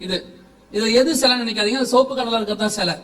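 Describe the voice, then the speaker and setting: Man, Tamil accent, preacher, very high voice, laughing and questioning, echoey hall, off-mic. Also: fast, far from the mic. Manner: lively, questioning the congregation, frequent laughter. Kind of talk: sermon.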